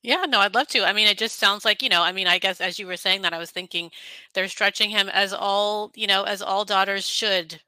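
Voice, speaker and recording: A woman's voice: mid-range voice, fairly quick, pushed and bright, clean tone, no room sound, low-quality recording. A woman hosting a conversational interview, thoughtful and hedging with frequent fillers. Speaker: podcast host.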